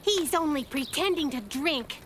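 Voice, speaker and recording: A woman voicing a quick-witted, confident little girl in a children's cartoon, with a cheeky, matter-of-fact way of talking. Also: high-pitched, lively intonation. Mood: skeptical. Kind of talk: animated children's cartoon dialogue. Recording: loud music under the voice.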